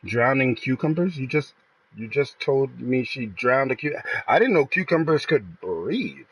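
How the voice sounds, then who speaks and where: A man's voice: mid-range voice, animated, measured pace, fairly bright tone, husky. A man streaming a game who argues with a friend in casual banter, mocking him and swearing freely. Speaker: gaming streamer.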